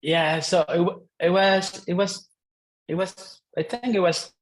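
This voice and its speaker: Man, Chilean accent, Spanish speaker, higher pitch, hesitant, polite interview guest. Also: fairly even intonation, unhurried, poor audio. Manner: hesitant, many fillers, polite. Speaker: guest researcher. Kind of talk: casual interview chat.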